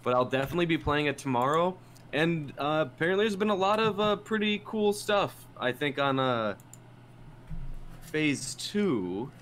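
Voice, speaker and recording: A man's voice: on the high side, normal speed. Male streamer from Minnesota, casual rambling chat, faint hiss behind. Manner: relaxed, rambling with um and uh fillers. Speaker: game streamer.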